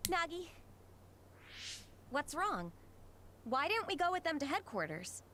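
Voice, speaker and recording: A woman's voice: extremely high pitch, sing-song, measured pace, slight background noise, exaggerated voice. An actress voicing a cheerful, affectionate young woman who dotes on her older sister in a video game. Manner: bright, bubbly and affectionate.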